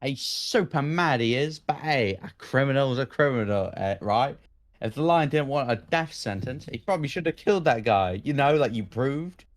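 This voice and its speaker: A man's voice: medium pitch, expressive, normal speed. Joking, rambling male co-player. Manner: joking, rambling, self-deprecating. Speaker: guest co-player. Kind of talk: casual game playthrough chat.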